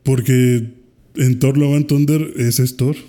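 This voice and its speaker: A man's voice: mid-range voice, steady tone, takes it slowly, dark tone. A man with a Mexican accent chatting casually and animatedly retelling a movie, acting out the characters' lines. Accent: Mexican Spanish. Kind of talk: casual chat retelling a film.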